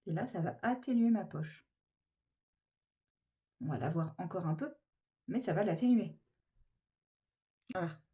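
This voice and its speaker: A woman's voice: on the low side, lively intonation, unhurried, long pauses, dark tone. A woman chatting casually through a makeup tutorial, gushing with enthusiasm over each product. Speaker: beauty vlogger.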